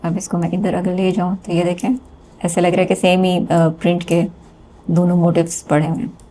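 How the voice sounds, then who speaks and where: Low, flat-voiced woman teaching software. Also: normal speed. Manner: calm step-by-step explaining with fillers. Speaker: textile design instructor. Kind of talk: screen-recorded software tutorial.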